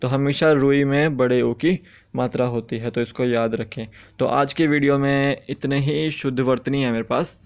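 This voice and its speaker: Male teacher, young adult, exam prep lesson, deliberate, repeats words, mid-pitched voice. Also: fairly even intonation, clear, resonant tone. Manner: slow, repetitive, says each word several times. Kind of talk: explaining Hindi spelling rules.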